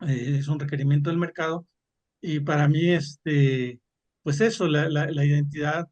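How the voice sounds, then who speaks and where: A Mexican-accented man talks his way through an idea at a panel, pausing often on fillers and restarting his phrases. His voice sits a little higher than most men's. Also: steady tone, a little mellow, muffled recording. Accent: Mexican Spanish. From Mexico (Veracruz). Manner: hesitant, many fillers and repeated words. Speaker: panel participant, theater actor. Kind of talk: spontaneous panel discussion.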